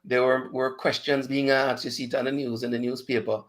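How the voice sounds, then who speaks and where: A Jamaican-accented radio host talks a little fast in a medium-pitched voice with little pitch movement. His chat-show manner is casual and chatty, with patois mixed in and frequent laughter.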